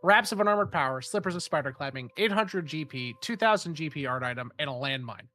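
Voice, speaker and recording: A man with a head cold, his voice stuffy and nasal, runs a tabletop game as game master in a casual, rambling way, swearing and using lots of fillers. His voice sits a little high and moves at a quick pace, with a little hiss or hum in the recording.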